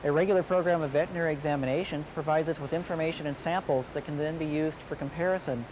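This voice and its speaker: A man's voice: on the high side, steady tone, quick pace, noisy background. A man speaking as a research scientist in a nature documentary, explaining in formal, technical phrasing.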